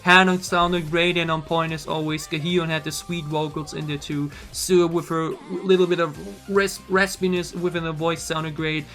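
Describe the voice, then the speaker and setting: A man reviewing songs in an excited reaction video, talking emphatically with lots of slang while losing his voice a little. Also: a little high, moderate pace, hardly any pauses, faint music behind. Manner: enthusiastic, emphatic, says "y'all" and "freaking" often. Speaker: music reaction YouTuber.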